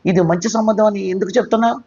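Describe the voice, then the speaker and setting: A man voicing a proud, sharp-tongued unmarried woman, speaking with scorn and indignation in a slightly muffled recording. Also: mid-range voice, steady tone, rapid-fire, husky, pitched above the performer's own voice, close to an everyday voice. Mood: angry.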